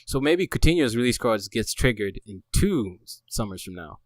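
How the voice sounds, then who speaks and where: A man co-hosting a football podcast, talking casually and excitably, stumbling over restarts and laughing often. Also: medium pitch, normal speed, no echo. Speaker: podcast co-host.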